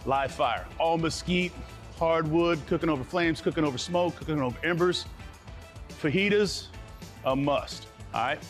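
A middle-aged man, a chef hosting a food show, chats casually and enthusiastically on location in restaurant dining rooms. His voice runs on the high side at a normal speed, punctuated by short, emphatic phrases, with music playing behind him.

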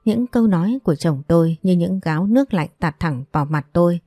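A woman storyteller calmly narrating a scripted first-person story. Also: lowish voice, brisk, dry recording, clean studio sound. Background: faint background music.

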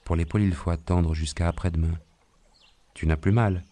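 A man voicing a bold, cheerful young male healer who gives brisk orders in an audiobook reading. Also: low voice, steady tone, mellow, lightly acted. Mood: reassuring. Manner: brisk, commanding.

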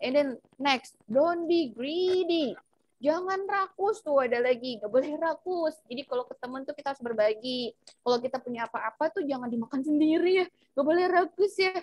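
A young woman with an Indonesian accent teaching children English over a video call, switching between English and Indonesian and spelling out phrases slowly for her pupils. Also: high-pitched, animated, no room sound, lo-fi sound. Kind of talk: online English lesson for children.

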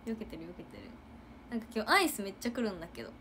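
A young woman chatting casually on a livestream, giggling and acting out loud quotes. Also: medium pitch, wildly swooping pitch, racing, a little hiss or hum. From Japan. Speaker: idol livestreamer. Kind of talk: casual livestream chat with viewers.

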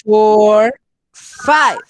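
A woman teaching English to young children on a video call, affectionate and slow in her pronunciation drills. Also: mid-range voice, no echo. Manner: affectionate, calls pupils "amor". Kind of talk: online class for young children.

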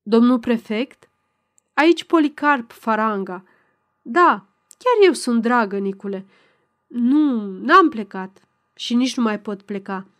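A grave, commanding old father speaks in a measured, clipped voice from an audiobook, read by a woman. His words come slow and firm, with a grating edge when he turns scornful. Her voice sits somewhat high. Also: animated, fairly bright tone. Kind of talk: audiobook reading.

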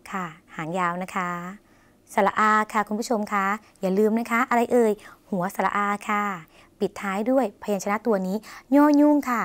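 A woman's voice: medium pitch, steady tone, normal speed, a bit bright. A woman hosting a language lesson, coaxing viewers through each written stroke and addressing them often. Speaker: language teacher and host. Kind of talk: step-by-step writing lesson.

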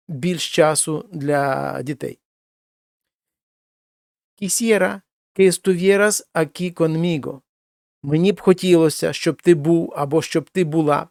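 A man teaching Spanish grammar in a slow, careful way, repeating example forms and switching between two languages. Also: fairly high pitch, a little mellow, no room sound, studio quality. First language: Ukrainian. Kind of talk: explaining grammar with spoken examples.

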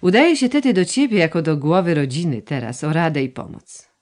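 A woman's voice: low voice, big pitch swings, brisk, darkish tone. A woman reading as a fussy, plaintive noble mother. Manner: gushing, complaining, coaxing. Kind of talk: audiobook dialogue reading.

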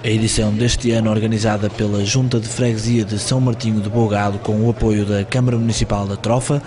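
A man's voice: lowish voice, little pitch movement, fast talker, background noise. A man reading a formal, scripted news voice-over. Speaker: news reporter narrating.

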